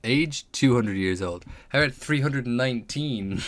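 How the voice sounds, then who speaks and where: A man's voice: mid-range voice, lively intonation, measured pace, slight background noise. A man chatting casually on a live stream while building a tabletop game character, thinking aloud over names and details and answering viewers. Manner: chats back to viewers' comments.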